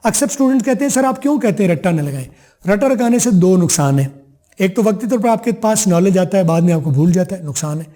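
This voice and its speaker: A high-pitched man with a mellow, soft-edged tone gives an English lesson. He stretches each example phrase out slowly, then hurries through the explanations around it. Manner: slow drawn-out repeated example phrases between brisk explanation. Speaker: English teacher.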